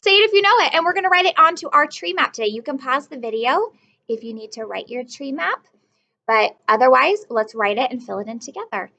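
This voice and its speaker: A woman with a high, bright, forceful voice, creaky and animated, reads fairly quickly from a picture book to young children. As their teacher she stops often to ask questions and praise them, always encouraging. The recording is muffled.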